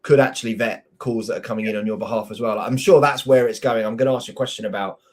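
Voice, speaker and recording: Low-voiced chatty male host. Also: fairly even intonation, fast talker. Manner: chatty, storytelling, conversational. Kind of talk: casual interview conversation.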